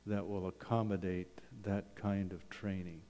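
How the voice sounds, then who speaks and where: Deep and mellow, with little pitch movement and no hurry, this Canadian man of middle age or older gives a folksy slide talk about his wilderness school to a church congregation. He's humorous and conversational, often asking rhetorical questions, and the hall's reverb is long and echoey.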